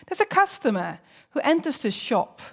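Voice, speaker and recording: A woman with a fairly high, very lively voice gives teaching tips as a non-native English speaker. She sounds like an encouraging teacher, often putting questions to the listener and letting her intonation swing widely. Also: normal speed, gravelly. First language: not English. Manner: animated, encouraging, rhetorical questions.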